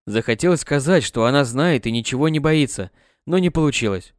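A man narrating an audiobook with an expressive reading on a close mic. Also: medium pitch, a little fast, no room sound.

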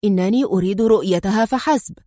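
A woman's voice: medium pitch, fast talker, warm tone, no room sound, clean studio sound, lightly acted. A woman voicing a stern, tough male secret agent in a storybook reading, clipped and menacing.

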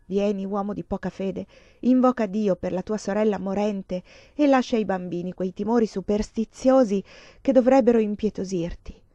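A woman's voice: on the high side, dark tone, dry recording, highs cut off, close to an everyday voice. Woman reader voicing a defiant dying woman; bitter irony, dry close sound.

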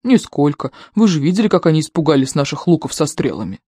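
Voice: medium pitch, very animated, quick pace, warm tone, breathy edge, no room sound. A reader doing a sardonic loyal servant. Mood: mocking. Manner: dry mocking banter. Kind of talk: audiobook character voice.

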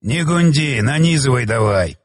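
A man voicing a gruff, jealous middle-aged father who talks in crude, curt growls. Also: a little high, lively intonation, moderate pace. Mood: scolding.

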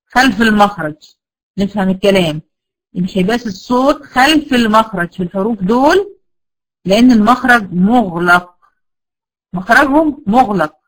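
A woman's voice: on the high side, poor audio. Egyptian woman teaching recitation. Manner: models sounds by repeating syllables, asks rhetorical questions. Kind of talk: explanatory lesson.

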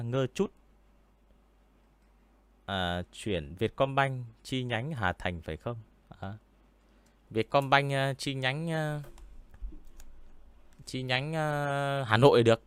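A man with a deep voice, hosting a story-reading channel and chatting casually with viewers, unhurried and full of hesitant fillers. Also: clean tone, no room sound. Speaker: horror story reader and channel host. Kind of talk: casual livestream chat answering viewers. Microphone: studio mic with pop filter.

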